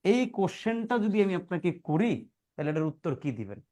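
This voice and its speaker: A man's voice: sits high, sing-song, moderate pace, warm tone. A male grammar teacher giving a classroom lesson. He keeps asking rhetorical questions, calls his students "brother" and sounds words out syllable by syllable.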